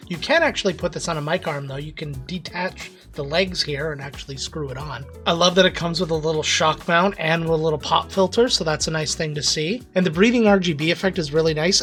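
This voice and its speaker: A man's voice: a little high, a bit bright. A man who is a YouTuber, giving a casual, upbeat and joking unboxing review of audio gear. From Canada.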